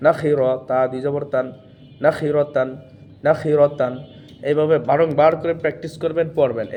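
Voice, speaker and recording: A man teaching Quran reading in a recorded lesson, slowly drilling letter and vowel sounds and repeating each syllable. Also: fairly high pitch, a little mellow.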